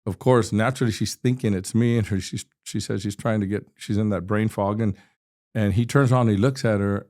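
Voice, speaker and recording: A man's voice: fairly low pitch, fairly even intonation, fairly quick, a little mellow. A man in his sixties from Texas, a state representative telling a personal story as a podcast guest, earnest and vivid, often restarting his sentences.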